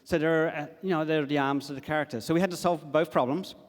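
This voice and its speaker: A man's voice: a little high, steady tone, quick pace. Man giving a stage talk. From Australia. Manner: casual, enthusiastic, with frequent fillers. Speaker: conference speaker. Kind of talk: conference talk. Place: large conference hall. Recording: long hall reverb.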